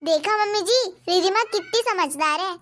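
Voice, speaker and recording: A woman's voice: extremely high pitch, moderate pace, fairly bright tone. A woman voicing a spoiled, scheming young wife in a Hindi cartoon, bossy and boastful.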